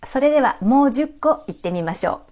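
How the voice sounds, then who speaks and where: A woman's voice: high voice, animated, fairly quick, darkish tone. A woman from Japan giving a casual, chatty lesson on travel phrases, explaining with everyday examples. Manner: chatty, many "ano" fillers, explains with examples. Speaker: French language teacher for travelers.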